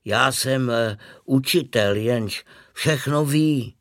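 A man's voice: mid-range voice, dry recording, clean studio sound, natural voice. A man voicing a timid, pedantic male teacher in a storybook reading, stammering and lecturing.

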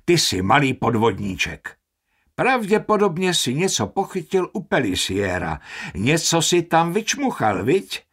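A man voicing a stern, irritable older master perfumer who scolds, shouts and mocks. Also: fairly high pitch, very animated, breathy edge, pitched above the performer's own voice, full character voice. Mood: mocking.

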